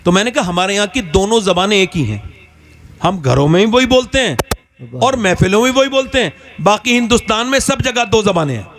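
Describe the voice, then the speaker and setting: High-pitched animated male preacher. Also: fairly quick. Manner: animated storyteller, pitch swinging widely. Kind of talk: religious storytelling talk.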